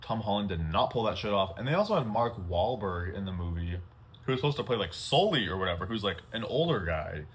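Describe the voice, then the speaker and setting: A man's voice: on the low side, lively intonation, quick pace. A young man, chatting candidly and rambling while he eats, swearing freely. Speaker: mukbang vlogger. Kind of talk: casual chat while eating.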